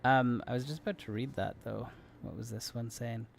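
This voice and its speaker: A man with a noticeably creaky, gravelly voice talks casually through a video game. He thinks out loud, often puzzling over things in questions. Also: medium pitch, fairly even intonation, moderate pace, a little hiss or hum. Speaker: gamer commenting on a playthrough. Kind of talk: casual game commentary with read-aloud text.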